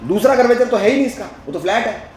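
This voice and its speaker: A man's voice: very high-pitched, expressive, fast, a little mellow. Guy teaching physics in an echoey classroom, faint hum behind, asks lots of questions. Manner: mixes Hindi with English terms. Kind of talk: classroom lecture at a board.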